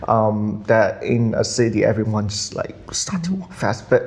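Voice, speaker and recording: Soft-spoken potter, halting. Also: male voice, on the low side, lively intonation. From Hong Kong. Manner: halting, thoughtful, quick to laugh. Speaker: potter and guest. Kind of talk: casual interview chat.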